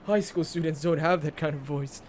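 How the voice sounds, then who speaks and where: This young adult streamer delivers rambling, chatty game commentary, repeating himself often, into a close desk microphone while wearing a headset. His voice is a little high and a little mellow at a moderate pace, with slight hiss or hum over background game music in his indoor setup.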